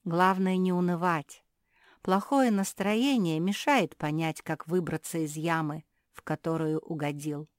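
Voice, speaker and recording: A woman voicing a kind, gentle female singer who speaks calmly and soothingly to a friend in a children's storybook. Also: fairly low pitch, a little slow, no room sound, studio quality, close to an everyday voice. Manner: soft, calm, soothing.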